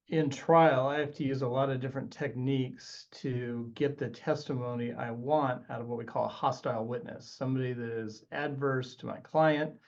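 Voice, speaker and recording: A man's voice: medium pitch, lo-fi sound. A man who works as a trial lawyer, telling an instructional story in an earnest way as a webinar guest. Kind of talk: instructional anecdote.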